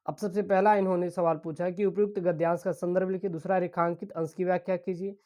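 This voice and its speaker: A woman teacher, explaining exam questions step by step and reading literary passages aloud slowly. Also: fairly low pitch, fairly even intonation, warm tone. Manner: explains step by step, keeps calling students "dear children". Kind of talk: exam-prep lesson.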